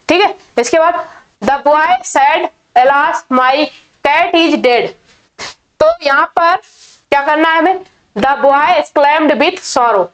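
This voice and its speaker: A woman teaching an English grammar lesson in Hindi, patiently repeating each rule. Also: high-pitched. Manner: slow, patient, repeats key points.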